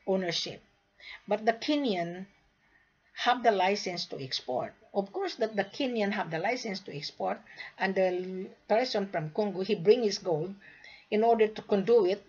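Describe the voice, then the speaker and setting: With a medium-pitched, slightly rough voice, a woman born in the Philippines delivers a direct-to-camera pitch for gold to traders. She lectures emphatically and goes over her points again. The high frequencies are cut off.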